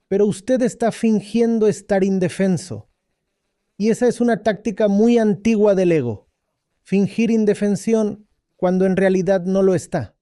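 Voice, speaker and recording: A man giving a dubbed spiritual lecture as a teacher, speaking deliberately, repeating key points and checking that listeners follow. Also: sits high, dark tone, clear, resonant tone, dry recording, clean studio sound.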